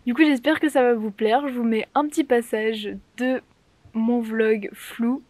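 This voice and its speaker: A young woman with a fairly high-pitched voice talks in a casual vlog style. She is chatty and informal, rambling through her stories as she goes. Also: steady tone, unhurried, a little mellow, no room sound. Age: young adult. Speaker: vlogger.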